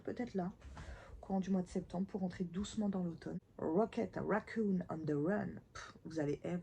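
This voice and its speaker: Woman book vlogger, thirties, gravelly low voice, eager chatty delivery, home camera mic with faint noise. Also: mellow. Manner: chatty, enthusiastic, with frequent restarts and whispered asides. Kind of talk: casual book haul chat.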